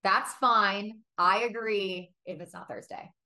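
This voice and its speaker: A woman's voice: mid-range voice, fairly even intonation, slow pace, sharp tone. A woman co-hosting a sports betting podcast, chatting casually, emphatic and often laughing as she talks. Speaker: podcast co-host.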